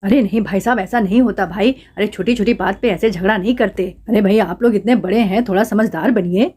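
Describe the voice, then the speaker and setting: A woman voicing a calm neighbor man who tries to settle a couple's fight, in a doll drama. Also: medium pitch, fairly quick, husky, lightly acted. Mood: placating. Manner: soothing, placating. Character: calm neighbor man trying to make peace.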